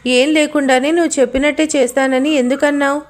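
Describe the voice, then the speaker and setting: A woman's voice: high-pitched, steady tone, fast talker, natural voice. A woman reading a fiery young fiancée. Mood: accusing.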